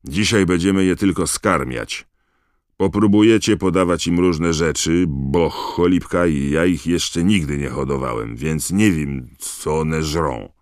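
A huge, gruff gamekeeper booms out his words with rustic warmth, as a man voices him in an audiobook. The voice sits very deep and close, with a dry sound. His delight in monsters drives a hearty, loud delivery. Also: unhurried, dry recording. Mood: proud, hearty.

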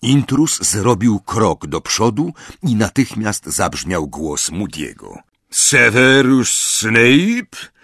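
A man reading a fantasy audiobook aloud, with expressive storytelling narration. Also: on the low side, takes it slowly, few pauses, husky, dry recording, studio quality. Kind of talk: scripted narration.

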